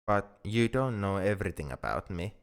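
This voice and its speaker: In an ASMR roleplay audio drama, a man voices a shy young male alien who blames himself, speaking hesitantly and earnestly in a wistful, sad mood. His voice is on the low side, expressive and resonant, clear, at normal speed.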